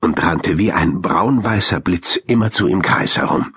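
A man narrating a children's storybook in a lively, expressive way. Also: sits low, a little slow, vocal fry, slightly rough, no echo, clean studio sound. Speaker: audiobook narrator.

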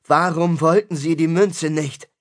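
A man voicing a desperate, furious male sorcerer who shouts in anguish. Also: fairly low pitch, animated, slow, creaky, breathy edge, voice pushed down, full character voice. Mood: demanding.

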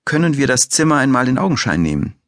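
A man's voice: medium pitch, big pitch swings, fast talker, fairly bright tone, no echo, studio quality, voice pushed up. A man voicing a composed, friendly female detective in an audiobook. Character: female detective, calm and polite.

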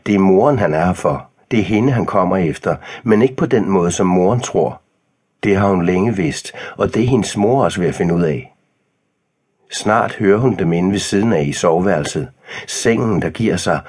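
A man narrating an audiobook in a measured, calm way. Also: deep voice, breathy edge.

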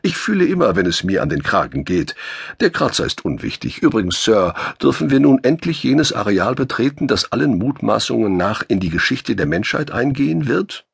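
A man putting on a wisecracking young spacer for a sci-fi audiobook. He sits high and bright above a gravelly baseline, teasing everyone with ironic, mock-solemn lines. The sound is close and dry. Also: very animated, moderate pace, no echo, heavily acted. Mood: wry joking. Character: lanky young male spacer, wisecracking and theatrical.

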